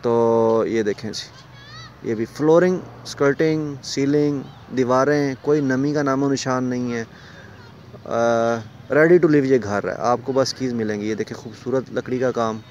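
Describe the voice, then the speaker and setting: A man's voice: mid-range voice, a little slow, a little mellow, highs cut off, slight background noise. A man with a Pakistani Urdu accent gives a walking tour of a rental house. He talks in a salesy way and keeps pointing things out to the viewer. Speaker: property dealer giving a house tour. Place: large empty house, indoors and on stairs. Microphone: phone camera held while walking.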